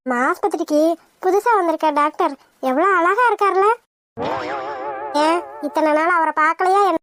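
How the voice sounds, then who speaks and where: A voice artist performing the dialogue of a homemade cartoon in a very high, childlike pitch. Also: fairly bright tone, no room sound, clean studio sound. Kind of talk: cartoon dialogue, voicing several characters.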